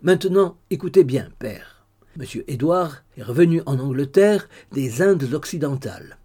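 Male narrator doing an earnest young man, persuasive, mellow low tone, storybook reading. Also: expressive, normal speed, husky. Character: earnest young man with one arm, explaining plans to his father. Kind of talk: audiobook reading.

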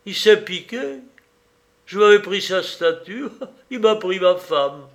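A man voicing a boisterous young gentleman adventurer who speaks loudly and laughs often, in a storybook reading. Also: high voice, slow, voice pushed up. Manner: loud and exclamatory, with bursts of laughter.

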